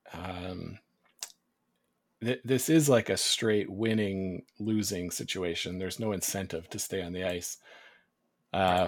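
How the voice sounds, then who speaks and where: A man co-hosting a casual sports podcast, speaking hesitantly with many pauses and filler sounds. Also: deep voice, no room sound. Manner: hesitant, many ums and uhs. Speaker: podcast co-host.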